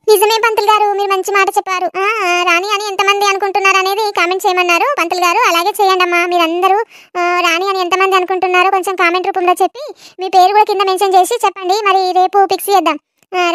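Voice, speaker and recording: A respectful, hospitable village mother, played by a woman in a family skit. She speaks in a very high voice at a quick, lively clip. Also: no echo, clean studio sound. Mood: courteous. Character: polite village mother hosting a priest.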